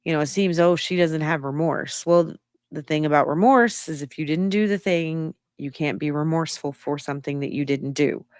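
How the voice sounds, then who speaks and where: A woman's voice: sits low, brisk, darkish tone, clear, resonant tone, no echo, clean studio sound. A woman giving casual spoken commentary, opinionated and reasoning her points aloud step by step. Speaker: true-crime commentator.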